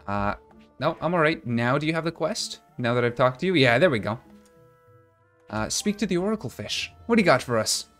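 A man's voice: mid-range voice, animated, a little fast, a bit bright. A man giving casual running commentary as he streams a video game. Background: game music.

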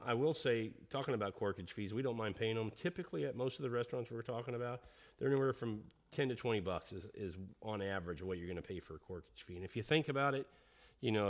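A man co-hosts a podcast in an easygoing chat, often restarting his sentences as he rambles along. His voice sits a little low and relaxed. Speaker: podcast co-host. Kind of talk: casual chat.

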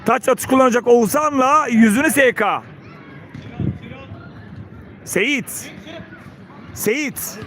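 A man's voice: takes it slowly, long pauses, fairly bright tone, slight background noise. A man giving live play-by-play football commentary in short calls of players' names. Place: outdoors beside a football pitch. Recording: outdoor pitch with players and crowd behind.

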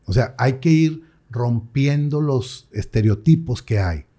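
Animated priest, mellow voice. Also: male voice, medium pitch, slow. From Mexico. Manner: animated storyteller, acts out quoted voices. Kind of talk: casual interview chat.

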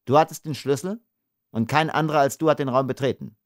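A man's voice: medium pitch, fast talker, dry recording, studio quality, voice pushed up, natural voice. A man doing a sneering army lieutenant. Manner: sneering, contemptuous. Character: arrogant scornful male army lieutenant.

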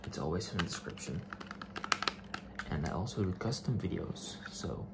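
A man in his twenties speaking in a hushed, hesitant, soft-spoken ASMR manner in a small bedroom. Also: expressive, moderate pace. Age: 20s. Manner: hushed, low-key and hesitant. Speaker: ASMR video creator. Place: small attic bedroom, indoors. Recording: loud clicking and tapping noise. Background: clicks, tapping and object handling.

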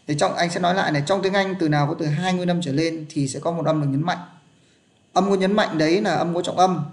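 A man, teaching an English pronunciation class online and patiently checking that his students are following. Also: on the high side.

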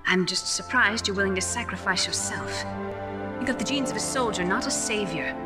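A woman's voice: mid-range voice, fairly quick, loud music behind the voice, natural voice. A woman playing a cool, knowing military adviser in a video game. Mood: cool, guarded. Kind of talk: dramatic video game acting.

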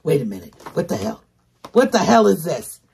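A middle-aged man, a sassy drag queen co-host trading exclamatory comic banter in a gravelly, raspy voice. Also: high-pitched, huge pitch swings, moderate pace, a little mellow, slight background noise.

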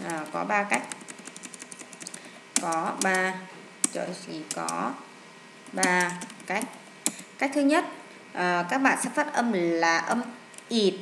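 A woman teaching English to students, walking through an exam in a chatty way, with lots of drawn-out fillers and repeated words. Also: on the low side, creaky. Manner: addresses students warmly as "các bạn". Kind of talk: exam walkthrough lesson. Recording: echoey room with faint hiss.

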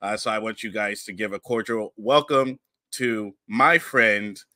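A middle-aged man from Pennsylvania, hosting a podcast in a relaxed, chatty way with many fillers, on a studio mic. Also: fairly low pitch, measured pace, dry recording. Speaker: podcast host and comedian. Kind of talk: casual podcast chat. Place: home studio room with posters. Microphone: studio mic on a boom arm with headphones.

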